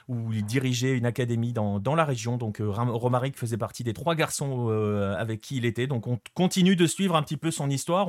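A man's voice: medium pitch, no room sound, clean studio sound. A man hosting a live-streamed show in a casual, chatty way, with frequent hesitations as he greets viewers in the chat. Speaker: host.

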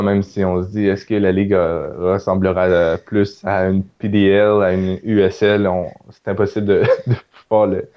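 Low-voiced podcast host. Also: male voice, dull audio. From Canada. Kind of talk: casual podcast interview.

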